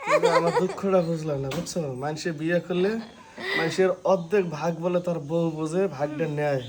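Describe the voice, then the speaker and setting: An actor as a weary pleading laborer husband. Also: male voice, on the high side, expressive, fairly quick, a crowd in the background, lightly acted. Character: worn-out feverish poor laborer husband. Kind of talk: short film acting.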